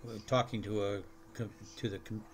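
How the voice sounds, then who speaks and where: A man on a neighborhood board explaining a point in a meeting, deliberate and restarting his sentences. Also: on the low side, flat delivery. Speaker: board member. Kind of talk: meeting discussion.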